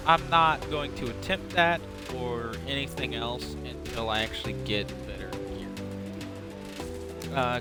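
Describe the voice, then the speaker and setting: A man giving casual, unrehearsed let's-play commentary, rambling, stumbling over words and swearing now and then. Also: mid-range voice. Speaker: gaming channel host.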